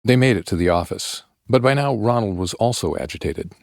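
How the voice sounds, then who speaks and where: A man narrating a podcast story in a measured, scripted storyteller's delivery. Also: lowish voice, lively intonation, creaky, dry recording, studio quality.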